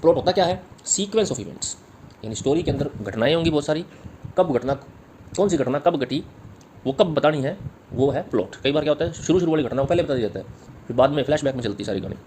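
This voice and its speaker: A man's voice: a little high, lively intonation, quick pace, mellow, a little hiss or hum. A man teaching literature in an exam-prep lecture. He explains step by step, repeats key points and taps out rhythms aloud. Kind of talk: exam-prep lecture mixing Hindi and English.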